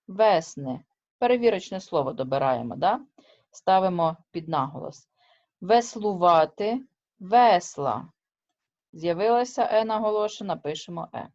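A woman teacher talks through a remote lesson at a slow, unhurried pace, stretching out each example word so it lands. Her voice sits at a middle pitch and comes through a dull, lo-fi recording. She keeps stopping to check that her students are following. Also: darkish tone. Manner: slow, careful, stresses and drawls example words; checks with students by asking short questions.

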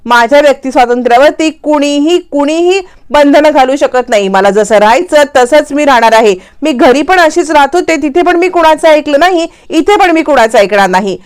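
A woman's voice: sits high, expressive, normal speed, few pauses. A woman doing a haughty defiant young bride. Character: arrogant young daughter-in-law, defiant and rude.

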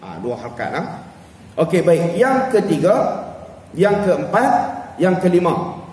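A man with a Malaysian Malay accent teaching Quran recitation at an evening class in a prayer hall, explaining the rules and chanting verses slowly to show them. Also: high-pitched, big pitch swings, darkish tone. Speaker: religious teacher. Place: cold air-conditioned prayer hall. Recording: distant, echoey hall with long reverb.

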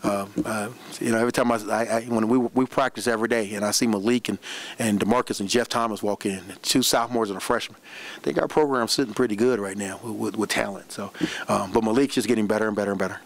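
A middle-aged man, a head basketball coach, answering questions after a game at a press room desk microphone, animated and repeating words as he talks. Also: lowish voice. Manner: animated, repeats words, fast run-on talk. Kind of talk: post-game press conference. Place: press room in front of a backdrop. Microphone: desk microphone on a stand.

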